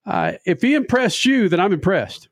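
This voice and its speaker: Brash male radio host, animated and a bit high, dry studio. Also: normal speed, no echo. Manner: brash, animated, swearing casually. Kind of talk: motorsports radio talk.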